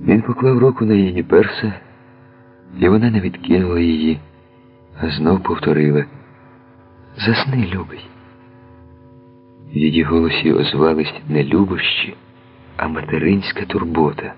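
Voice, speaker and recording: A man narrating a novel in a measured, expressive literary reading, heard on a tinny lo-fi radio recording. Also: low voice, faint music behind.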